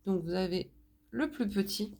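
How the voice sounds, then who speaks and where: A French woman showing her craft purchases in a casual haul video, talking slowly with many hesitations, a little hoarse because she is sick. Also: medium pitch, mellow, slight background noise. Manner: slow, hesitant, many fillers. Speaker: crafts vlogger.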